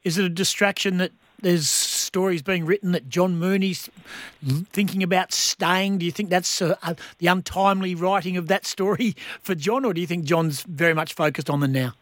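High-pitched blokey Australian man hosting sports radio. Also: normal speed, fairly bright tone, no echo. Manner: matey, colloquial, blokey. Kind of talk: conversational sports interview.

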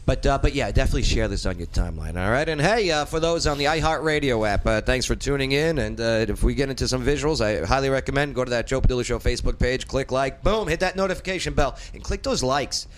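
A man's voice: mid-range voice, expressive, fast talker, few pauses, slight background noise. A man hosting a live talk show from a studio with casual, informal, punchy banter. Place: radio studio.

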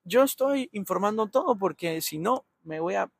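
A man's voice: high-pitched, expressive, normal speed, gravelly, slightly rough, no room sound. A man in his thirties with a Honduran accent, giving an anxious, rambling running commentary from inside his car while waiting in line. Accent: Honduran Spanish. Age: 30s. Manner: rambling, anxious, thinking aloud. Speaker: podcast host.

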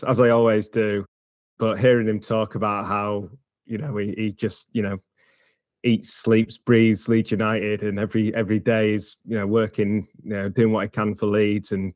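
A man's voice: lowish voice, no echo. A man in his late thirties from England, chatting loosely about football on a podcast with lots of filler phrases. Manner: rambling, many filler phrases. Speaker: podcast co-host, football fan. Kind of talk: casual football podcast chat.

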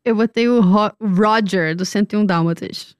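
A woman co-hosting a podcast, animated and quick to joke during a movie-quote guessing game. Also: mid-range voice, no room sound, clean studio sound.

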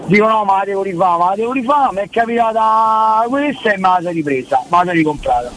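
A middle-aged man with a Roman accent calling a radio show, chatting colloquially and haltingly, repeating himself. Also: sits high, lively intonation, fairly bright tone, slight background noise, rough recording. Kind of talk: casual chat.

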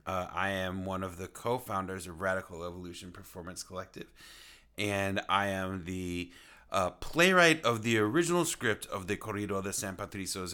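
A man's voice: low voice, bright, forceful tone. A man co-hosting a podcast conversation, talking earnestly and thoughtfully with frequent fillers. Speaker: podcast co-host and playwright. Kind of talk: casual video-call conversation.

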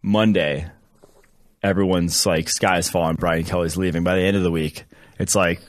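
A man's voice: low voice, fairly even intonation, moderate pace. A man co-hosting a sports podcast, giving laid-back, rambling analysis in casual chat. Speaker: podcast co-host.

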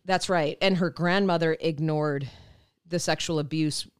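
Smooth-voiced woman explaining thoughtfully. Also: low voice, fairly even intonation, unhurried, dry recording, clean studio sound. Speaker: podcast co-host. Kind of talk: casual podcast discussion.

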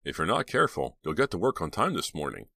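Man reading anxious middle-aged dad, deep, dry, measured. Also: huge pitch swings, vocal fry, sharp tone, no echo, full character voice. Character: middle-aged father and store manager, wry, anxious. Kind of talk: audiobook character voice.

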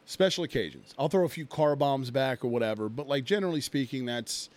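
A man's voice: medium pitch, lively intonation, fairly quick. Rambling, profane podcast guy. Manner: rambling, profane, many fillers. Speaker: podcast co-host. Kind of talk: casual chat.

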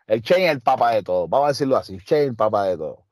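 Animated and fast, this man speaks at medium pitch with a darkish tone and no echo. A wrestler and trainer with a Puerto Rican Spanish accent, he tells stories as an interview guest in a casual, emphatic, streetwise style, dropping in lots of fillers.

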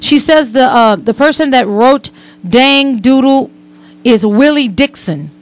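A woman's voice: high voice, lively intonation, unhurried. A woman hosting a radio interview, chatty and hedging as she tells a story. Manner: chatty, repeats hedging words. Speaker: radio host. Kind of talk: casual interview.

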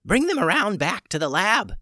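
Man playing old witch woman, brisk, unfazed, storybook, dry sound. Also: fairly high pitch, huge pitch swings, fairly bright tone, no room sound, pitched above the performer's own voice, heavily acted. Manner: brisk, matter-of-fact.

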